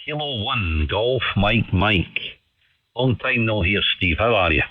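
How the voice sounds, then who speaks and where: An amateur radio operator chats politely and casually over ham radio, often repeating phrases for emphasis. His lowish voice moves lively but unhurried, with no room sound, picked up by a studio condenser mic over a dull, band-limited shortwave signal.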